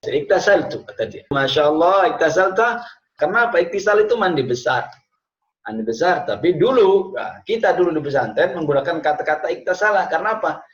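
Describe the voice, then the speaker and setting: A man teaching an online class, telling lively stories and mixing in Arabic phrases. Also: a little high, a little fast. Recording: echoey, dull lo-fi room sound.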